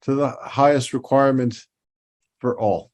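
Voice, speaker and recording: A man's voice: mid-range voice, fairly even intonation, a little slow, darkish tone. A middle-aged man with a New York accent, talking as a toy-designer guest in a casual podcast interview, rambling with many restarts.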